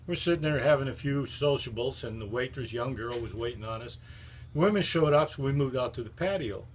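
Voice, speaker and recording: A man's voice: medium pitch, a little fast, slight background noise. An older man telling folksy, rambling anecdotes about a longtime friend while endorsing the friend's books. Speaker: friend giving a book endorsement. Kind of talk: casual storytelling.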